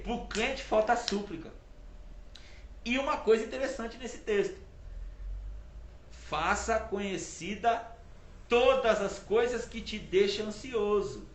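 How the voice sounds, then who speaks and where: Male preacher, higher voice, chatty and emphatic, roomy reverberant recording. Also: lively intonation, slow pace, long pauses, a little hiss or hum. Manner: conversational, repetitive, emphatic preaching. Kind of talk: informal sermon. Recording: roomy echo.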